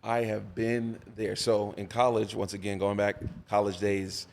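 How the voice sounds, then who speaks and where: Lowish and measured, with vocal fry, a pastor's voice carries his personal stories in a podcast interview. He's animated, using a preacher's cadence and repeating for emphasis, over a little hiss or hum.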